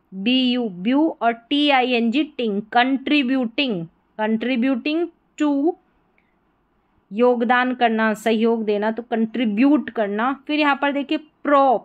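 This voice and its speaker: A woman teaching English reading, slowly spelling each word out letter by letter and repeating it. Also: fairly high pitch, dull audio. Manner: slow, patient, spells words letter by letter and repeats them. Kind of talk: spelling and pronunciation lesson.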